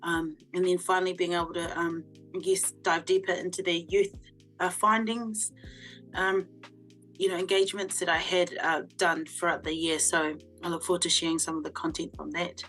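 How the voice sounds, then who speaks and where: Lower-voiced New woman chatting. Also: flat delivery, moderate pace, a bit bright, faint music behind, low-quality recording. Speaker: panellist. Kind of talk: casual chat.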